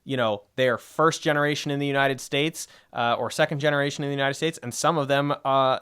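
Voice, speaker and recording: Smooth-voiced man co-hosting a podcast. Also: medium pitch, a bit bright. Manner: rambling, many fillers and restarts. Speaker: podcast co-host. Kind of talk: casual history discussion.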